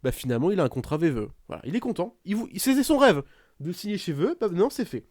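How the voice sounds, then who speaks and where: A man hosting a wrestling podcast in casual chat, sarcastic and animated, with lots of fillers. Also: sits high, fast talker, no room sound, studio quality. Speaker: podcast host.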